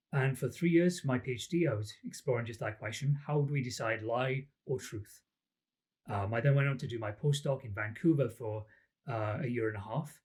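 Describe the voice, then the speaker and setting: Here a lie detection researcher from Wales gives relaxed answers as a chatty podcast guest. He speaks in a mid-range voice with a breathy edge, poking fun at himself and often saying um.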